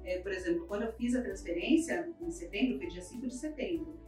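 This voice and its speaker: A woman's voice: mid-range voice, quick pace, mellow. A woman, a podcast guest, telling a personal story and acting out what each person said. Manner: vivid, acts out quoted dialogue. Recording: roomy, distant mic, faint music behind.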